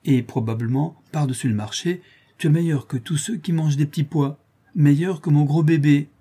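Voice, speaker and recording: A man's voice: on the high side, normal speed, mellow, slightly rough, voice pushed up. A man voicing a cheerful, teasing young mother in a raised, playful tone.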